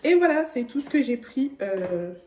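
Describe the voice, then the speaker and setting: A young woman talks casually to her viewers as a vlogger, addressing them directly and chattily. Her voice is soft and mellow, with a slightly breathy, husky edge. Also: fairly high pitch, big pitch swings, normal speed. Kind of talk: casual vlog chat. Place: at home.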